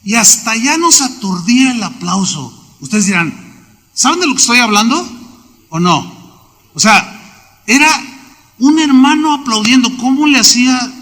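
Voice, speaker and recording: A man with a Mexican Spanish accent preaching a sermon as pastor, telling lively stories and acting out the people in them, with sudden shouts. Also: very high-pitched, normal speed, pauses often. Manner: animated storytelling, voices quoted people, sudden shouts. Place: church sanctuary. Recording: long hall reverb.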